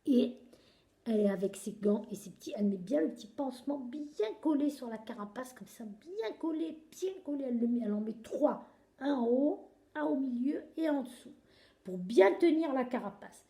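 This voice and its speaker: A woman improvising a children's story, animated and expressive, pausing now and then to find words. Her voice sits a little high yet mellow and dark. The room around her is echoey. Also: gravelly.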